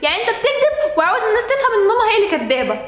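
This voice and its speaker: A woman's voice: very high voice, sing-song, rapid-fire, pitched above the performer's own voice. A woman playing a hurt young girl who scolds her lying father, speaking with an Egyptian accent. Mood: reproachful. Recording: roomy room echo.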